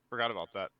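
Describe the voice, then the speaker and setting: A man running a tabletop game as game master, narrating in a relaxed way with frequent hesitations. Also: no echo, dull audio.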